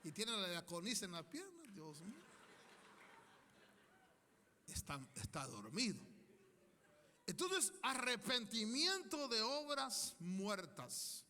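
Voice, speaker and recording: A man's voice: high-pitched, sing-song, slow pace, long pauses, sharp tone, in a large hall. A man preaching a sermon, emphatic, calling his congregation to repeat declarations after him and acting out quoted people.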